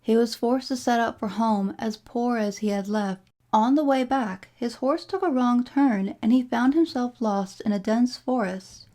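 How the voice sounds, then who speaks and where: A woman narrating a fairy tale from a storybook in a measured, formal storytelling delivery. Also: fairly high pitch, warm tone. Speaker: storybook reader.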